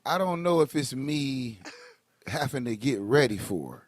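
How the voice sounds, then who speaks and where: A man co-hosting a casual podcast chat, brash and joking, breaking into high-pitched laughing bursts. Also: big pitch swings, unhurried, no room sound. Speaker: podcast co-host. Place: Ann Arbor area, Michigan.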